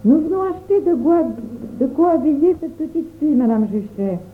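A woman's voice: high voice, sing-song. A woman voicing a clever, mischievous young girl in a storybook reading. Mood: sly. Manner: mischievous, brisk. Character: sly cheerful young girl, clever and quick. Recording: tinny phone-like sound.

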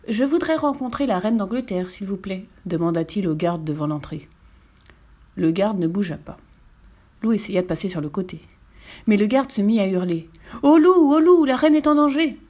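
A woman's voice: fairly low pitch, slightly rough. Woman reading a children's story aloud. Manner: lively, expressive reading.

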